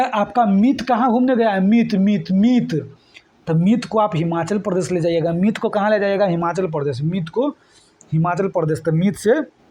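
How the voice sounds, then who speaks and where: A man's voice: high-pitched, a little mellow, a little hiss or hum. A man teaching an exam current affairs lesson, repeating memory tricks and coaxing his students along. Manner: repetitive, coaxing, addresses students as friends.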